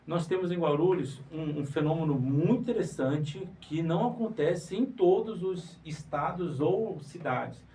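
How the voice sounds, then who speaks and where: Pitched on the high side and mellow, this northern Brazilian man from Pará talks at a measured pace with hardly any pauses. The writer and museologist uses rhetorical questions and a forceful, teacherly style while being interviewed, recorded on a distant mic with faint noise.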